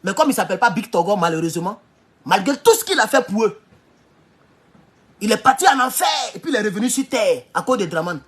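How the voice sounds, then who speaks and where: A man giving a heated political monologue, hammering rhetorical questions and sometimes shouting. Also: high voice, lively intonation, brisk, husky. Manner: emphatic, repeats rhetorical questions, bursts into shouting. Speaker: political commentator.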